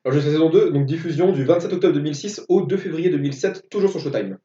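A man's voice: a little high, fast talker, mellow. A man co-hosting a casual film podcast, going methodically through facts and dates. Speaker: podcast co-host. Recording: echoey room, distant dull mic.

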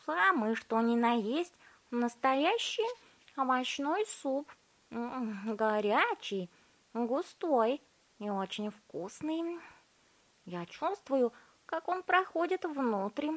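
A woman voicing a spoiled, stubborn girl who chews gum and talks in a shrill, demanding way while humming between bites. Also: animated, slow, full character voice. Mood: bratty, greedy.

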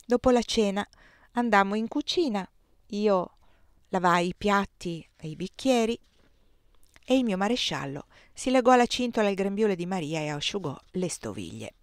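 A woman narrating a literary novel aloud in a measured, expressive reading voice. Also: mid-range voice, no room sound, clean studio sound. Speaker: audiobook reader.

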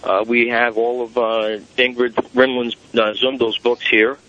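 A man calling in to a talk show over the phone, chatting casually and rambling with frequent "uh" pauses. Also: medium pitch, level tone, fairly bright tone. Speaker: caller to a radio talk show. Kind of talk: casual call-in chat. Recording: dull, lo-fi phone line.

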